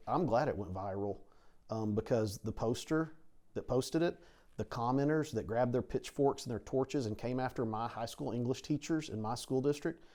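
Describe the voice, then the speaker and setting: Middle-aged male school leader, blunt and defiant interview delivery, medium pitch. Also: mellow. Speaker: school district superintendent. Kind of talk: interview answers.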